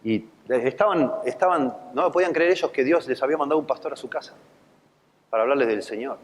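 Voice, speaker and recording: A man's voice: medium pitch, fast talker, in a large hall. A man in his fifties with a Rioplatense accent, a pastor preaching with a conversational storytelling manner. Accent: Rioplatense Spanish. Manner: conversational storytelling, acts out quoted voices. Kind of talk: sermon with personal anecdote. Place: church.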